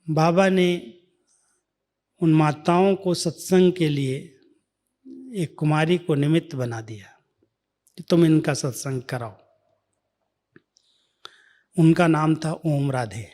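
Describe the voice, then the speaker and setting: Man, spiritual speaker, slow and measured, slightly high voice, hushed asides. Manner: slow, measured, drops to soft near-whispers. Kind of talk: devotional storytelling talk.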